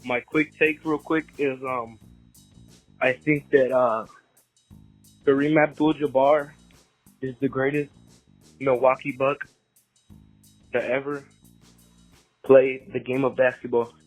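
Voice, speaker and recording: A man leaving a voicemail with a sports take, speaking haltingly with pauses. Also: medium pitch, fairly even intonation, faint music behind, rough recording.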